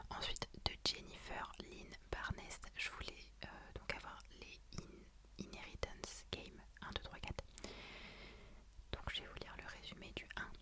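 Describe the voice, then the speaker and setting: A woman doing ASMR in a soft, breathy library whisper, talking about books and reading out blurbs. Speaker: ASMR creator.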